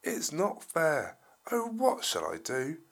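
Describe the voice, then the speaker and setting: A man voicing a small, gentle, nervous male pink elephant in a children's story, speaking meekly in a raised voice. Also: fairly high pitch, huge pitch swings, a little slow, voice pushed up, heavily acted. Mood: meek worried. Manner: meek and pleading.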